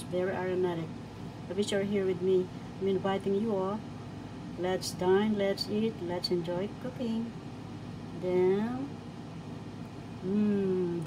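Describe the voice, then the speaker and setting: An older woman from the Philippines, cheerfully talking through a home cooking demonstration and listing each ingredient. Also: mid-range voice. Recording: home recording with audible background noise.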